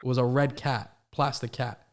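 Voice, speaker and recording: Male podcast host, born in Morocco, raised in the States. Relaxed, friendly, chatty. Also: mid-range voice. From born in Morocco, raised in the United States. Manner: relaxed, friendly, quick affirmations and "bro". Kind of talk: casual podcast conversation.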